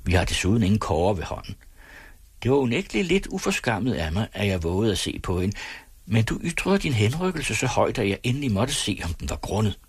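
A sly, red-nosed trickster speaks in a calm, placating tone in a storybook reading, voiced by a male narrator. His voice is deep and husky, with a dry, close sound. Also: dry recording, full character voice. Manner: soothing, placating.

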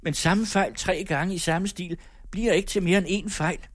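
A man's voice: high-pitched, pitched above the performer's own voice. A man voicing a stubborn young girl who argues her case earnestly and insistently in a story reading. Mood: pleading. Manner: pleading yet insistent.

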